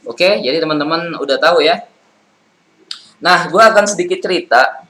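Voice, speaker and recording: A man's voice: on the high side, normal speed, bright, forceful tone, low-quality recording. A man giving business advice in a loose, chatty monologue, full of fillers and restarts. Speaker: property and business consultant.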